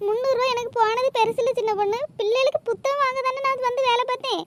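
A woman's voice: very high-pitched, steady tone, fast talker. A woman voicing a grieving, tearful village mother in a cartoon, speaking in a lamenting way. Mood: despairing. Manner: lamenting, pleading. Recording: noisy cartoon voice track.

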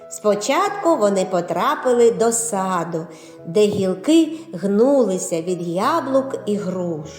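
A woman narrating a children's phonics lesson, with a slow, clear, drawn-out teacher's delivery. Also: fairly high pitch, darkish tone. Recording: roomy echo.

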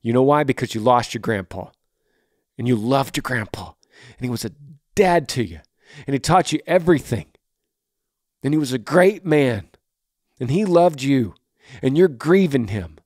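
A man's voice: mid-range voice, animated, moderate pace, long pauses, no echo, studio quality. A man in his forties hosting a podcast, answering a listener's question with earnest, encouraging, reflective advice. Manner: warm, encouraging, reflective with emphatic rises.

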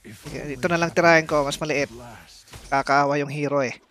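A man streaming live gameplay, excitable and commenting as he plays, with sudden exclamations and playful taunts at his opponents. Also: fairly high pitch, fairly quick. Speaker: game streamer.

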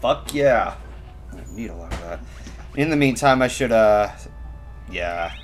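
An animated man comments casually while he plays, with faint game music behind him. He is excitable and swears heavily, throwing out mock-aggressive trash talk with big swings in pitch. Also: a little slow. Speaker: player and streamer. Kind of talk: casual, profane gaming commentary. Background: video game music.

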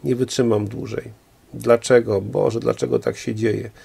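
Male reader doing a wounded, sarcastic young wife; sharp tongue, some grit in the voice. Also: mid-range voice, flat delivery, measured pace, gravelly, husky, heavily acted. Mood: pleading, resolute. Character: young mother, bitter, hurt and defiant woman.

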